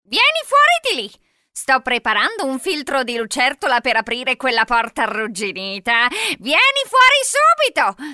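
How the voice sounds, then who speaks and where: A woman voicing a boastful old woman who claims magic powers, in a storybook reading, with a shrill, coaxing and threatening manner. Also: sing-song, measured pace, bright, forceful tone, dry recording, clean studio sound, heavily acted. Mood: shouting, threatening.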